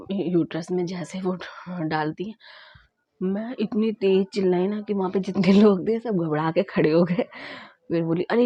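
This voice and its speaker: Husky-voiced woman telling her own story. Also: on the low side, dry recording, muffled recording. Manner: lively retelling, acts out both sides of conversations. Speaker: vlogger. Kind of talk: casual storytelling vlog.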